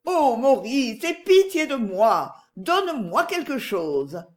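A reader voicing a defiant, ironic middle-aged woman with sharp, indignant retorts, in an audiobook. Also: high-pitched, big pitch swings, slow, voice pushed up, heavily acted. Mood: mocking. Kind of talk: audiobook dialogue.

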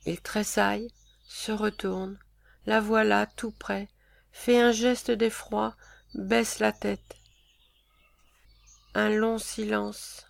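A woman reads the stage directions of a play in a calm, even manner. She speaks slowly with a touch of creak. The sound is dry and close. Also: mid-range voice, no room sound.

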